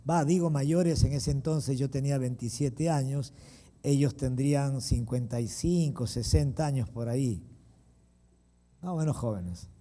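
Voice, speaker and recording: Animated pastor telling a story. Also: male voice, medium pitch, unhurried. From Peru. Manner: animated, personal storytelling with chuckles and asides to the congregation. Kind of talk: storytelling sermon.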